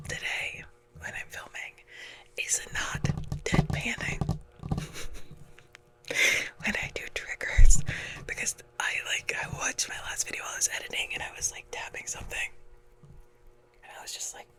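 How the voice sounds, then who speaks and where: Slow whispering woman, casual ASMR ramble. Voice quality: soft breathy whisper. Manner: unhurried, halting, chatty and self-deprecating. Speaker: ASMR content creator.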